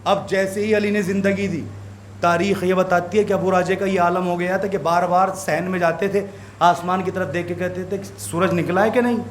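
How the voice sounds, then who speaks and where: A man preaching a majlis sermon, telling a story with drama and building to impassioned shouts. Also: high voice, level tone, moderate pace, noisy background. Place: mourning gathering hall. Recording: crowd heard around speaker. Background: listening congregation.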